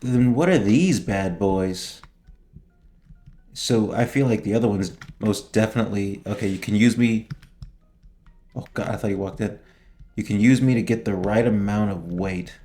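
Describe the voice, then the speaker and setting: A young man giving casual, slangy gameplay commentary, joking and reacting out loud as he plays. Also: fairly low pitch, fairly even intonation, moderate pace, faint music behind. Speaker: gaming streamer.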